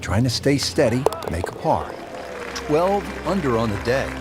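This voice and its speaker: A man doing play-by-play golf commentary as a broadcast announcer, with a polished, measured delivery. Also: mid-range voice, very animated. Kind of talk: scripted sports commentary. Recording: loud music and crowd behind. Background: music and golf crowd.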